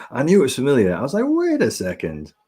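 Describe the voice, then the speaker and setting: A man's voice: medium pitch, warm tone, husky. A man in his forties from Scunthorpe with a northern English accent, hosting a late-night live stream from home and chatting with viewers as he reads their comments aloud. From Scunthorpe, northern England. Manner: chatty, reads chat names aloud, self-deprecating. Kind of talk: late-night watch-along chat reading viewer comments. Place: home at night, family asleep upstairs.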